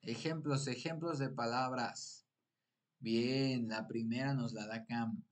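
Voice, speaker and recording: A man's voice: mid-range voice, fairly even intonation, slow. A man teaching a live-streamed exam prep lesson, explaining patiently and prompting viewers with repeated questions. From Mexico.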